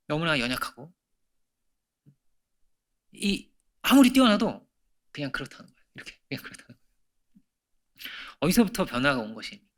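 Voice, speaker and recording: In a church sanctuary, a middle-aged pastor preaches a Sunday sermon in a mid-range, fairly bright voice. He keeps it conversational, asks many rhetorical questions and swings from emphatic peaks down to near-whispers.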